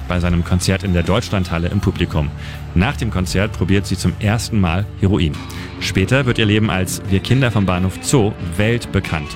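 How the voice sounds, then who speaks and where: A man narrates a scripted radio segment with a calm, informative delivery. His voice sits fairly low. A loud music bed runs under every line. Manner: steady, informative storytelling.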